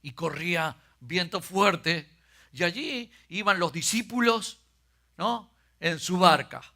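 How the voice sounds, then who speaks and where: A pastor preaching in a high, bright voice. His delivery is animated and conversational, full of fillers and direct appeals to the congregation. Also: slow pace. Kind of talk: sermon.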